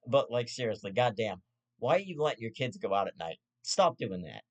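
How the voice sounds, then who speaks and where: A man's voice: medium pitch, sing-song, a little fast. A young man hosting his own show, ranting in profane, rambling casual commentary with stammered restarts and half-joking asides.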